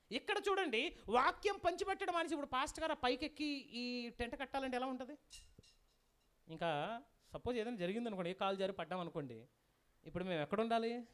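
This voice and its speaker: A guest preacher delivering a sermon with a folk tale, lively and constantly asking the audience questions. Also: mid-range voice, clean tone.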